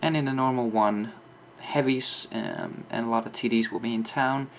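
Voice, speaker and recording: Gravelly-voiced man giving game tips. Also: medium pitch, normal speed, a little hiss or hum. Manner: explanatory, thinking aloud as plays. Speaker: host of a tank game map guide. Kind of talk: casual off-the-cuff game tutorial commentary.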